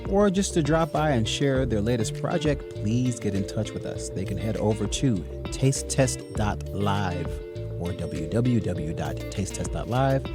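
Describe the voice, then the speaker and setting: A man's voice: on the low side, expressive, measured pace, music in the background. A man hosting an entertainment podcast, chatting in a playful, upbeat way with his co-host and guest. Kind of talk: casual podcast chat.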